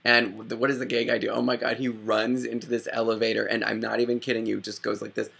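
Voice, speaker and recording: A young man from the Chicago area, riffing sarcastically and rambling through a casual comedic vlog, with quick impressions. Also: medium pitch, level tone, vocal fry, a bit bright, husky. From Chicago area, Illinois. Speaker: video host.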